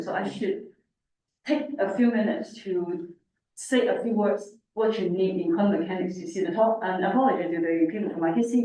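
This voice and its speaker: Echoey, mellow woman lecturing through a face mask. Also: medium pitch. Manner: halting, explanatory. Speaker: academic lecturer, researcher. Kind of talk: informal technical lecture. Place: indoor lecture room. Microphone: distant room microphone. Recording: very echoey, distant, faint room noise.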